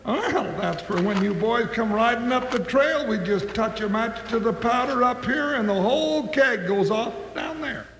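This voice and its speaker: A good-natured, excitable comic cowboy sidekick from an old western drama. The American voice is extremely high for a man, folksy and whiny, on a noisy vintage soundtrack with clicks. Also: moderate pace, few pauses, heavily acted. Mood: smug.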